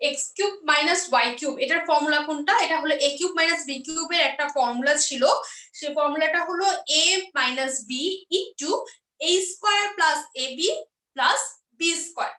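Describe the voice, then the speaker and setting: A woman's voice: sits high, normal speed, pushed and bright, recorded from a distance. A woman teaching math step by step, asking questions and then answering them herself. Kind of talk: explaining a math lesson step by step. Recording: roomy echo, voice off-mic.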